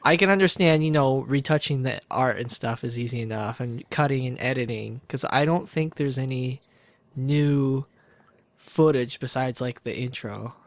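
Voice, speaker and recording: A man's voice: medium pitch, moderate pace, no room sound. A man co-hosting a casual anime podcast, teasing the others with sarcastic remarks. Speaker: podcast co-host. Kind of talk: casual group chat.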